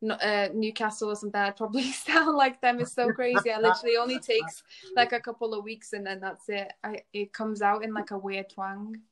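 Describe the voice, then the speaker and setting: Lithuanian-born girl in her 20s, bit of a scouse twang, pretty flat even voice, says like a lot. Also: mid-range voice, fairly quick. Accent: Lithuanian with a semi-Scouse twang. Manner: chatty, laughs often, peppered with "like". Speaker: guest. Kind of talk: casual chat.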